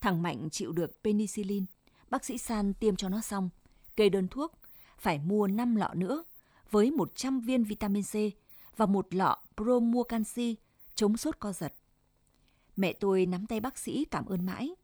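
Woman reading a memoir-style story, warm mellow voice, dry close sound. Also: medium pitch, measured pace, no room sound. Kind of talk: first-person story narration.

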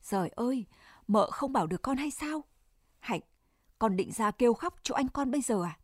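Woman reading a restrained, pleading mother; fairly high, dry sound. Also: lively intonation, moderate pace, a little mellow, husky, no room sound. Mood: hushed scolding. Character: anguished middle-aged mother, hushed and stern.

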